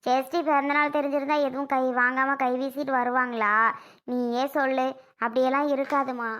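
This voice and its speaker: A woman putting on the voice of a calm, motherly older woman who gently consoles and reassures others in a family skit. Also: high-pitched, brisk, voice pushed down. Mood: gentle.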